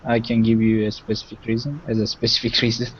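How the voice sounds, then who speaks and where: A man's voice: medium pitch, flat delivery, fast, lo-fi sound, a little hiss or hum. A man from Turkey learning English, giving short, hesitant answers.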